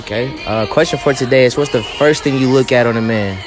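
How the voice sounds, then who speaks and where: A man's voice: mid-range voice, fairly quick, over music. A young man hosting street interviews in a shopping mall, talking casually in slang into a phone. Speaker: host. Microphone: phone held to mouth.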